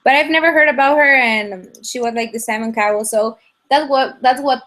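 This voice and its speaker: A young woman from Ecuador, speaking in a halting way with many restarts and fillers during a casual video-call interview. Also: high voice, a bit bright. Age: young adult. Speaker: guest singer.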